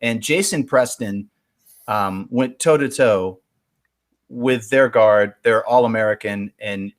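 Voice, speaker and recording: A man's voice: on the low side, takes it slowly. A man co-hosting a casual sports talk show, making emphatic predictions. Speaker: co-host called Coach.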